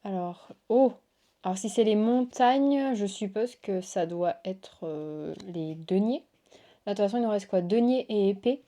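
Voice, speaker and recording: A tarot reader and channel host with a dark, medium-pitched voice speaks a little slowly as she hosts a casual unboxing chat. Gushing and exclamatory, she shows cards to her viewers with plenty of "waouh" and "oh là là."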